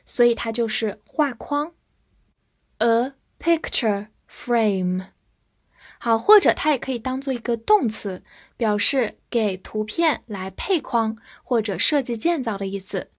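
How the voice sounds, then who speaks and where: A woman teaching English vocabulary. She spells each word letter by letter and repeats the example phrases slowly. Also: fairly high pitch, lively intonation. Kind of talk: slow, clear vocabulary lesson.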